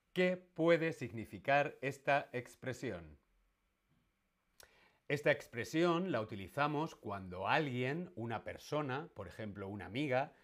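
Slow, playful man from Spain teaching. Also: medium pitch. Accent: Spain Spanish. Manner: playful, quizzing, repeats questions; makes animal noises in jest. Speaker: Spanish teacher. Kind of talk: live-streamed language lesson.

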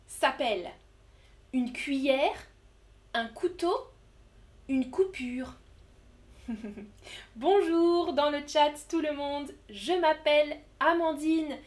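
A woman with a high voice leads a live online French lesson. She talks slowly and says each new word carefully, repeating it so learners can follow. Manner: slow, clear, repeats words for learners. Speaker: French teacher.

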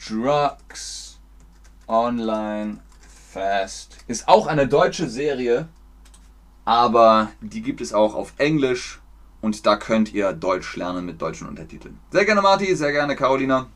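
A man from Germany teaching German on a livestream, explaining slowly, clearly and patiently. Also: mid-range voice. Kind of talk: livestream language lesson.

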